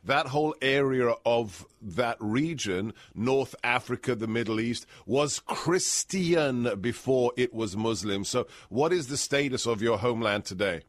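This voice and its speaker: A man's voice: medium pitch, unhurried, hardly any pauses, no room sound. A man hosting an interview, speaking with a dramatic, rhetorical delivery. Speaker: host.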